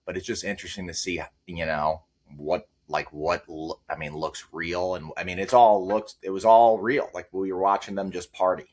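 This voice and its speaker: A man's voice: sits low, fairly even intonation, moderate pace, hardly any pauses. A young man co-hosting a podcast, telling stories in a hesitant, rambling way with restarts. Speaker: co-host. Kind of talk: casual chat.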